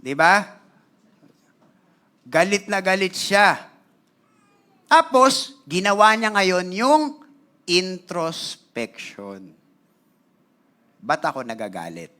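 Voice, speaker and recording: Filipino male pastor, lively conversational sermon storyteller, bright tone, frequent throat-clearing. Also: high-pitched, very slow, long pauses. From Philippines. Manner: animated, conversational, switching between Tagalog and English; clears his throat often.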